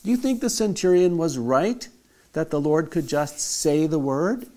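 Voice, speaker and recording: A mellow, warm-toned voice reads scripture slowly and deliberately, drawing out the quoted lines. The speaker then explains the story in plain words and asks a young listener simple questions. The pitch sits in a middle register. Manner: slow, careful reading that stretches quoted speech. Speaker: Bible teacher for a child. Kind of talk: Bible reading and children's lesson.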